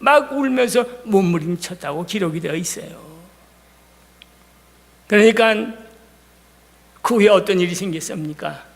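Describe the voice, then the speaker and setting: A male pastor preaching a sermon, retelling scripture dramatically and swinging between loud emphasis and hushed words. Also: high-pitched, lively intonation, moderate pace, vocal fry, pauses often. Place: church sanctuary. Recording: long hall reverb.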